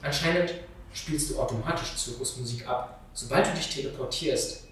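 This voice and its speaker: A man voicing a calm snake mother who speaks in a soothing but firm way. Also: medium pitch, moderate pace, slight background noise, natural voice. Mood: patient. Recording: very echoey room, mic far off.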